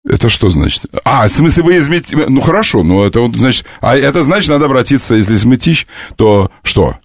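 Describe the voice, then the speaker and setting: Animated gravelly male radio host. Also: mid-range voice, no echo, clean studio sound. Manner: animated, repeats words in rapid runs, argues confidently. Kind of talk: morning radio talk, casual and opinionated. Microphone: studio microphone.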